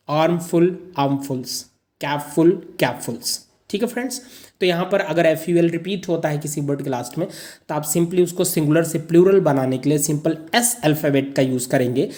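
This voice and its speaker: A man's voice: on the high side, a little mellow. A man teaching English grammar in Hindi mixed with English. He repeats each example word twice, asks rhetorical questions and answers them himself, and keeps calling his listeners friends.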